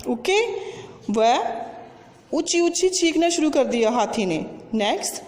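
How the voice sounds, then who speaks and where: High-voiced woman teacher. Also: expressive, takes it slowly, darkish tone, long reverb tail. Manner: coaxing, repeats and questions the pupils. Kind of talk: storytelling lesson for children.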